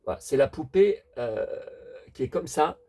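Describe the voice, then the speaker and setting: A collector casually shows off his toy collection, chatting and rambling directly to viewers. His medium-pitched voice is mellow, swings widely in pitch, and moves at a normal speed.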